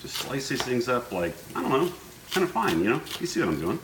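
A man's voice: mid-range voice, very animated, fairly quick. A man hosting a casual home cooking demonstration, talking in an easygoing, offhand way as he works. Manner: laid-back, easygoing, offhand. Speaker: home cooking show host. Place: indoor kitchen. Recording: echoey room with clear kitchen sizzle noise. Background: frying sizzle and stirring.

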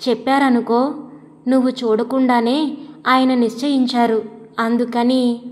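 Woman voicing a young guy in a story, calm and teasing, kinda high voice, echoey. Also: measured pace, lightly acted. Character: calm young man, a gently teasing suitor. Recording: long hall reverb.

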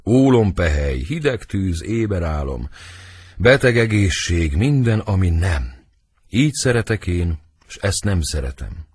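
A man reading the part of Romeo, a brooding lovesick young nobleman, in husky, lyrical verse for an audiobook. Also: sing-song, darkish tone, dry recording, full character voice. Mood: lovelorn. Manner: lyrical verse reading, wide swings in pitch.

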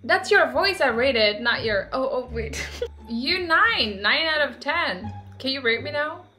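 A woman's voice: high-pitched, animated, measured pace, bright, forceful tone, faint music behind. A woman in her twenties from Indonesia, chatting playfully with strangers on a video call from her bedroom and teasing them often. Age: 20s. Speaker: video chat host. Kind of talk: casual video chat.

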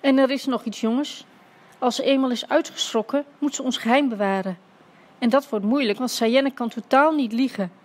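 A relaxed, teasing painter father, as a woman reads him aloud. He talks plainly, with a dry joking edge, as in a storybook read-aloud. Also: high voice, normal speed. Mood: earnest. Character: easygoing painter dad, joking, a bit serious.

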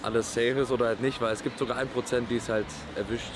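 A man's voice: mid-range voice, fairly even intonation, fast talker, background noise. A man in his twenties chatting casually to viewers as a vlogger. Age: 20s. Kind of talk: casual vlog chat to viewers. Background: music.

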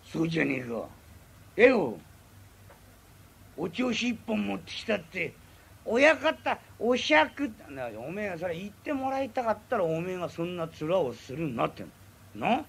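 An easygoing Tokyo townsman coaxing and scolding his drinking buddy in rough, teasing banter, as a man voices him in a rakugo tale. The voice is gravelly and sits high, with lively swings. He talks fast and nags. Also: exaggerated voice. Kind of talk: rakugo storytelling.

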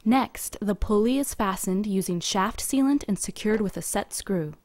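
Woman doing a scripted how-to voiceover, steady and measured, step by step. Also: medium pitch, no echo. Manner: even, measured, step-by-step delivery. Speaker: company video narrator. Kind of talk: scripted instructional voice-over.

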